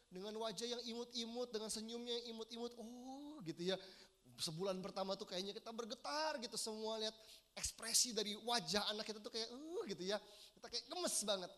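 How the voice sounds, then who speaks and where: A man's voice: high-pitched, fairly even intonation, fast, bright, forceful tone. A man in his thirties preaching a sermon as pastor, earnest and addressing the congregation directly with questions. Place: large church hall.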